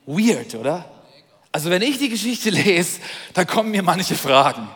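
A man preaching a sermon, retelling a scripture story with lively asides, in a large church hall. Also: high-pitched, moderate pace, slightly rough. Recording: long reverb of a large hall.

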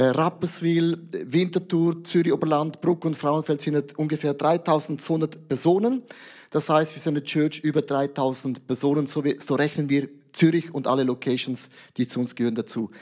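High-voiced pastor preaching. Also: male voice. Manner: lively preaching with examples and English loanwords. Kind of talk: sermon.

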